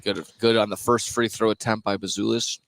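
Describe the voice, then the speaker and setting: A man gives live radio play-by-play of a basketball game in clipped phrases, his fairly low, gravelly voice a bit bright and showing little pitch movement. He speaks a little fast, with no echo. Gym noise and bouncing basketballs fill the indoor gymnasium background.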